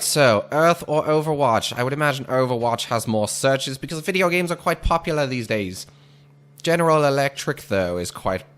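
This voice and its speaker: A man's voice: mid-range voice, fairly bright tone. A man playing a pompous 1940s radio announcer, speaking in a formal, wordy, theatrical old radio style. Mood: formal, musing.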